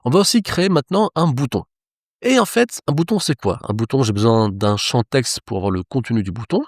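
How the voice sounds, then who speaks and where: A man's voice: medium pitch, lively intonation, a little fast, no room sound, studio quality. A man teaching web development, explaining each step of a screen-recorded tutorial to his viewers.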